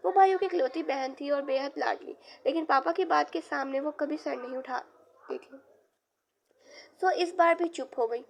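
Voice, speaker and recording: A woman with an Urdu accent narrating a romance novel aloud, reading every character's lines in the same soft reading voice. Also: high-pitched, normal speed, vocal fry. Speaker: audiobook narrator.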